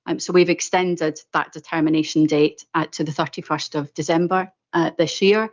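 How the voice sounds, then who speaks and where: A woman with a Glaswegian accent giving a semi-formal update at a meeting, pausing often mid-sentence in a hesitant way. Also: sits low, fairly even intonation, muffled recording. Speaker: presenter of a planning update at a meeting.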